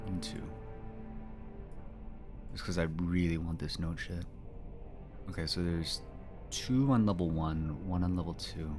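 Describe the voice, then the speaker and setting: A man's voice: sits low, unhurried, long pauses. A man giving casual commentary as he plays a game, muttering to himself with playful asides. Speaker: gamer doing a playthrough. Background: game music.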